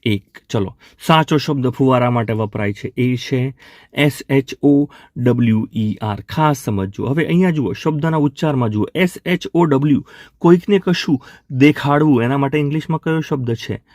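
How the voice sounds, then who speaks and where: A man's voice: medium pitch, moderate pace, darkish tone, no echo, studio quality. A man teaching English vocabulary to Gujarati speakers, patiently repeating each word and counting down for his learners.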